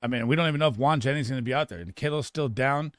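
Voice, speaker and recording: A man giving casual fantasy football start and sit analysis in an emphatic, rapid way, often restarting his sentences. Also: medium pitch, dry recording.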